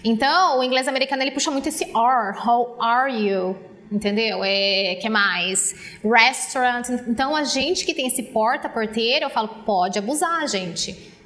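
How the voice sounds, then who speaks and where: A woman's voice: on the high side, lively intonation, normal speed, fairly bright tone. A woman who teaches English, talking as a guest in a casual interview in a Brazilian accent from the Paraná countryside. She speaks in an encouraging, chatty way and acts out her students' voices. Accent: Paraná countryside Brazilian Portuguese, rolled-back R.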